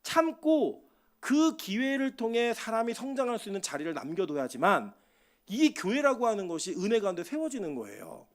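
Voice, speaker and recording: A middle-aged male pastor preaching a sermon from the pulpit of a church, switching between loud exhortation and quiet asides. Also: high-pitched, huge pitch swings, normal speed.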